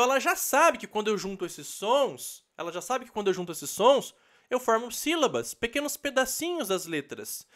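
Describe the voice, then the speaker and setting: A man teaching an online literacy lesson, explaining step by step, sounding out letters slowly and checking in with the listener. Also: high voice, fairly bright tone.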